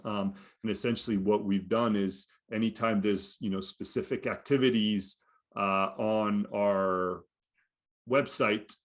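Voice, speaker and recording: A man with a fairly low voice co-hosting a casual podcast. He explains things in long, winding stretches and keeps dropping in "you know" and "right?" as he talks. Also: fairly even intonation, unhurried. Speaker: podcast co-host. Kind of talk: casual conversational podcast chat.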